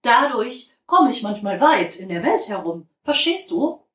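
A woman voicing a big old talking tree in a storybook, deep-voiced, calm and friendly. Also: measured pace, echoey room. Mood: gentle. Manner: gentle, friendly and patient.

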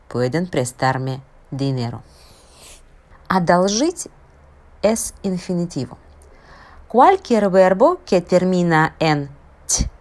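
Brief: woman teacher, low voice with lively melody, unhurried and deliberate. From Russia. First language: Russian. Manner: careful, deliberate explanation with spoken examples. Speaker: Russian language teacher. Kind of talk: explaining a language lesson.

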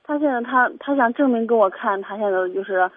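A woman in her twenties calling into a radio advice show, talking in a hesitant, halting way. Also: fairly high pitch, slightly rough, dry recording. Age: 20s. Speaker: caller. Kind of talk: phone call to radio show. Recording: tinny phone line.

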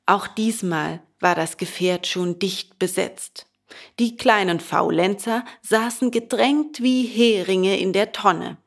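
A woman reading a children's storybook aloud, slow and expressive. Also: medium pitch, gravelly. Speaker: narrator.

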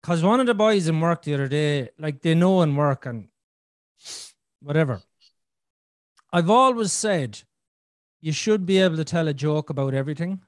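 A man's voice: a little high, lively intonation, moderate pace, pauses often, dry recording, studio quality. A man hosting a podcast in casual, candid conversation, with a blunt, sweary, joking manner. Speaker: podcast host.

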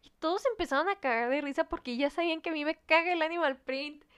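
A woman's voice: high voice, quick pace, no echo, studio quality. A young woman with a Mexican accent, co-hosting a podcast in casual chat and telling stories full of slang and swearing. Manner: animated storyteller, peppers speech with slang and swearing. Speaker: podcast co-host.

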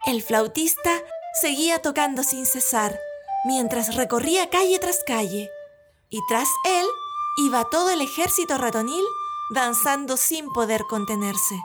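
Slow, lilting woman storyteller. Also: high voice, expressive. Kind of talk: storybook narration. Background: soft background music.

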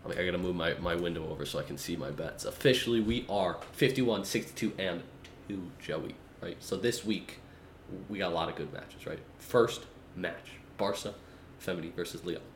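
Excitable man co-hosting a casual podcast, speaking in a somewhat low voice and teasing his partner. He sits on a video call, with a faint hiss of room ambience behind him. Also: normal speed. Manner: excitable, teasing, calls his co-host by name often. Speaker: podcast co-host. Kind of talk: casual chat.

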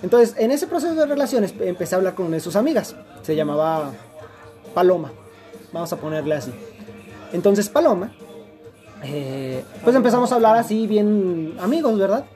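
A man's voice: high voice, expressive, moderate pace, mellow, faint music behind. A young man with a Mexican accent telling a long personal story in a casual chat, slangy and rambling, with many restarts.

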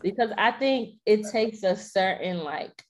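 A young woman of Haitian background hosting a casual podcast, chatty and informal, with animated reactions. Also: mid-range voice, measured pace. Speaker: podcast host. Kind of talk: casual chat.

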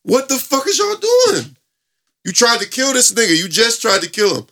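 A man hosting a casual talk show, reacting to a video with animated, profane commentary and acting out quotes. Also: very high voice, moderate pace. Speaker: host.

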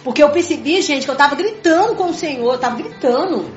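Talking fast with lively intonation, a woman with a high voice earnestly discusses her faith, repeating herself and frequently calling out "gente" to her listeners in this conversational religious talk. Her voice echoes in the room, and the muffled audio has soft music underneath.

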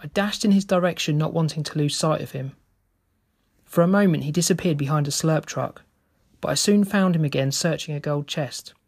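A man narrating a first-person story in a steady, measured reading. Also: fairly high pitch, husky.

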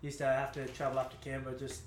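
A man's voice: medium pitch, monotone, quick pace, a little hiss or hum. Laid-back young Australian guy, echoey. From Snowy Mountains, Australia. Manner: laid-back, easygoing, says mate and man a lot. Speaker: guest, rugby league player. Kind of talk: casual interview chat.

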